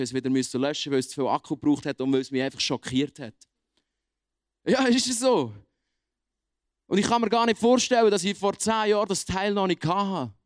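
A young man preaching a youth sermon in a lively, colloquial way. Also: fairly high pitch, dry recording, clean studio sound. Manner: lively, colloquial, animated acting out of quotes.

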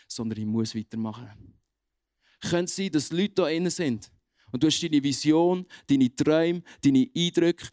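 A young man preaching a youth sermon in a lively, colloquial way. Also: mid-range voice, dry recording, studio quality. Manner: lively, colloquial, animated acting out of quotes.

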